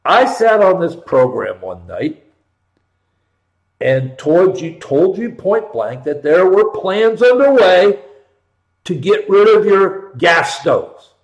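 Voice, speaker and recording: An American man hosting a talk show, delivering an impassioned political rant with emphatic, punchy repetition and swings between loud and hushed. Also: high voice, very animated, slow. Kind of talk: impassioned political monologue, ranting. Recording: roomy, echoing sound.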